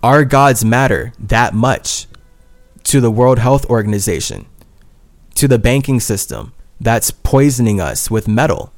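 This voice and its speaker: Faint music plays behind a podcast host who speaks a little slowly in a mid-range voice during his solo monologue. He sounds earnest and intense, alternating between heated and tender moments and repeating phrases.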